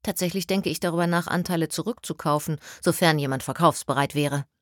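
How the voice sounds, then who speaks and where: A woman voicing a confident, brisk businesswoman who chairs her own company. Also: low-pitched, no room sound, clean studio sound, lightly acted. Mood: self-assured. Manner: brisk, upbeat and self-assured.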